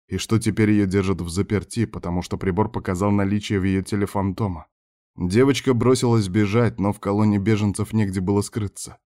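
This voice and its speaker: A man with a low voice reading an audiobook aloud. His narration is steady and measured. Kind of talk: scripted narration.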